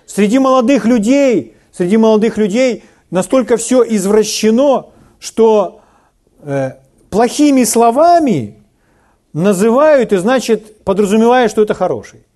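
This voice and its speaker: A man's voice: high-pitched, lively intonation, a little slow, warm tone. A male pastor preaching a sermon in a conversational way, acting out quoted everyday speech as a congregation answers him.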